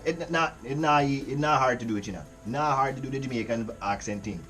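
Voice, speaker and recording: With a slightly bright, mid-range voice and a somewhat fast pace, this Caribbean host gives laid-back reaction commentary on music. He speaks Caribbean English with a matching accent, and his talk is slangy and meandering.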